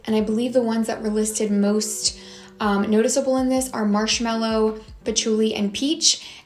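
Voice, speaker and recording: A young woman with a fairly high voice chats eagerly through a casual haul vlog. She gushes over each new find in a bright, chatty way. The sound carries a noticeable room echo. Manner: enthusiastic, bubbly, gushing. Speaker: beauty vlogger.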